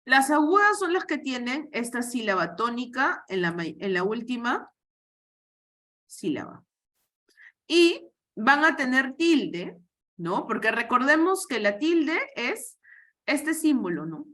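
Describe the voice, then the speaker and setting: A woman's voice: sits high, sing-song, takes it slowly, fairly bright tone. A woman, teaching an online workshop on spelling rules and explaining patiently step by step with frequent checks for understanding.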